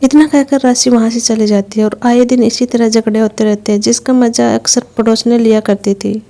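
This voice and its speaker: A woman narrates an animated story in a scripted, even way. Her voice is somewhat high but warm and mellow. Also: moderate pace.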